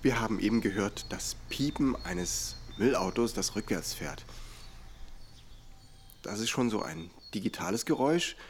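Lower-voiced man explaining rhythm calmly. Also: a little slow, slight background noise. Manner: explains calmly, counts beats aloud, drops to whispers for the light beats. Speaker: music teacher. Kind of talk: relaxed music lesson for listeners. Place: recorded at home and outdoors on location.

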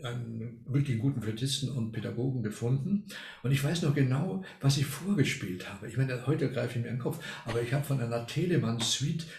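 An older man from Argentina talks at a relaxed storytelling pace, often pausing on fillers. His voice has a gravelly edge, and the room adds a noticeable echo. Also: mid-range voice, slight background noise. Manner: storytelling, frequent hesitation fillers. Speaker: guest, retired music professor. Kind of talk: casual interview.

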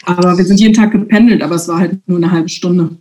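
Female guest, mellow tone, relaxed, hesitant conversational delivery. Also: on the low side, fast talker. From Germany. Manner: relaxed, hesitant with many fillers. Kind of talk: casual conversation.

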